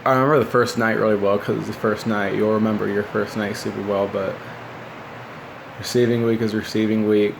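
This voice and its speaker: A young man in his twenties with a creaky, flat, low voice talks a little fast over background noise. He is a former military recruit rambling casually to camera about boot camp, sitting by a window in a small living room with a phone held at arm's length.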